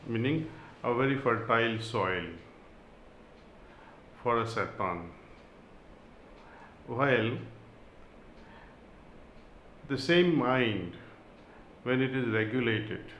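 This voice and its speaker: Slow, measured man. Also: medium pitch, a bit bright, roomy sound, slight background noise, low-quality recording. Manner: slow, measured, with long pauses. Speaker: spiritual teacher. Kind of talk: spiritual talk with reading aloud.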